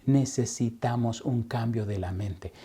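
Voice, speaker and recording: A man preaching as a pastor in Sabbath school, telling a story and acting out its dialogue, sometimes dropping to a hushed whisper. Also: mid-range voice, a little slow, slightly rough. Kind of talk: Sabbath school Bible teaching.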